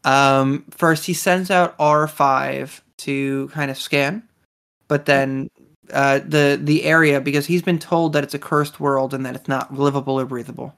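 A chatty podcast co-host talks through an episode in a relaxed, enthusiastic way. The voice sits at a middle pitch, with plenty of fillers and restarts. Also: unhurried, clear, resonant tone. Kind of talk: casual chat reviewing a series episode.

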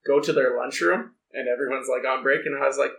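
Gravelly casual guy in a roomy room. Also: mid-range voice, steady tone, fast talker, a bit bright. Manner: storytelling, lots of fillers and acted-out quotes. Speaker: podcast host. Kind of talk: casual chat. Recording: roomy echo.

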